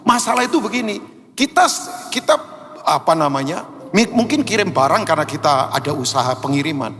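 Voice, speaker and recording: A man preaching a sermon, animated, acting out dialogue and shouting for emphasis. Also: a little high, brisk. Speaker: pastor. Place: large church hall. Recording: long church hall reverb.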